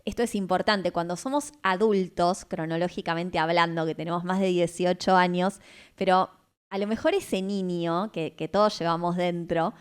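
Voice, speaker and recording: A woman's voice: lowish voice, steady tone, normal speed, clear, resonant tone. A woman radio host who talks in a thoughtful, explanatory way and often ends her points with a questioning tag. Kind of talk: reflective conversation.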